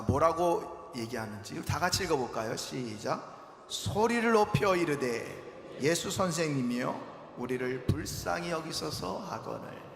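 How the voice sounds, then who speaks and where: A man preaching as pastor, acting out shouted prayers in a dramatic sermon, in an echoey church hall. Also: fairly high pitch, gravelly. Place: church sanctuary.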